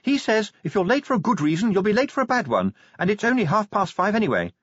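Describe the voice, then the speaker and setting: A woman's voice: very animated, fast talker, husky, no room sound. A man voicing Sybil, an anxious, insistent noblewoman mother, in an audiobook reading. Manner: high, breathless reassurance. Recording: dull lo-fi audiobook recording.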